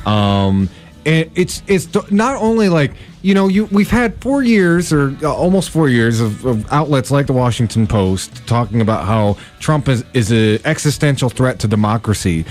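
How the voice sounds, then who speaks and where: A man co-hosting a political radio talk show, wry and measured, often laughing. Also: mid-range voice, a little mellow.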